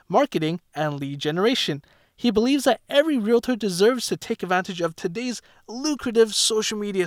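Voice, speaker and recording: Higher-voiced man hosting a podcast. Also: dry recording, studio quality. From Canada. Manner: friendly, fills with frequent "yeah" and "right". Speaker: podcast host and realtor. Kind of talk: casual interview.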